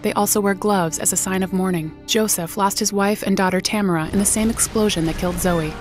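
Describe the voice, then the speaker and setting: A woman narrates a scripted TV recap with a slightly low voice. She is flippant and slangy, delivering it as comedy, with music clearly playing behind her. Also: fairly even intonation, brisk. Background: music bed.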